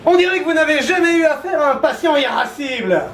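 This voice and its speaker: In a stand-up sketch before a live audience, a male comedian lampoons a pompous TV doctor with theatrical asides, his extremely high voice quick and full of lively intonation. Laughter echoes around the hall, making for a noisy background.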